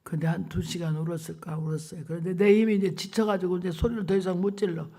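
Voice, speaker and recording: A woman's voice: fairly low pitch, steady tone, fast, warm tone. An older woman preacher giving an emotional sermon testimony in a dramatic, colloquial, emphatic way. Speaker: revival preacher.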